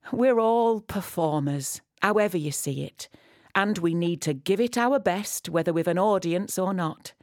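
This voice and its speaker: A woman with a fairly low voice narrates a poetic guided piece. She speaks intimately, as though right in your ear, in a dry, close sound. Her delivery is measured and instructive, addressed straight to the listener. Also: darkish tone, dry recording. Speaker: audio walk guide.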